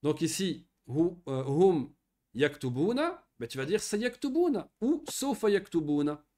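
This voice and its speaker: Male teacher, slightly high, very animated pitch; patient, checks in often with young pupils. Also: normal speed. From Morocco. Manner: patient, lively explanations with frequent checking questions. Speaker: Arabic teacher. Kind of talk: online Arabic grammar lesson for children.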